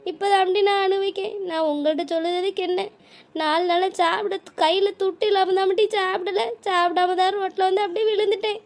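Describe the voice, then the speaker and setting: A woman's voice: very high voice, fairly even intonation, fairly quick. A woman voicing a weepy old village widow. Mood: tearful. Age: older. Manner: tearful, pleading, self-blaming. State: crying.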